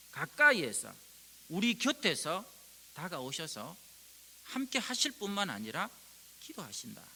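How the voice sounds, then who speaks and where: A male pastor, delivering a sermon and acting out prayers with sudden rises in pitch and volume. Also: vocal fry, sharp tone. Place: church sanctuary. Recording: long reverb with faint hiss.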